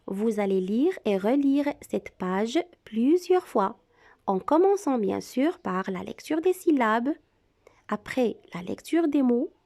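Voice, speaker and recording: A woman's voice: a little high, sing-song, slow pace, warm tone. A woman teaching a reading lesson to young children, speaking with careful articulation and encouraging them. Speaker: primary school teacher.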